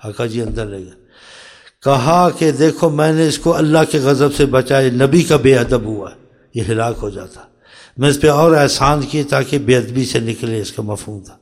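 Preaching in story form, a mid-range male voice talks straight to the congregation, poses rhetorical questions, and often slips into hushed asides. The recording carries long hall reverb.

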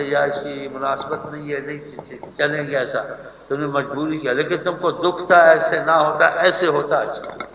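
A man's voice: fairly high pitch, creaky, bright, forceful tone, dull audio. A man giving an informal religious talk, earnestly advising his listeners and repeating his points. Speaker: religious teacher. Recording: echoey room, distant mic, hiss.

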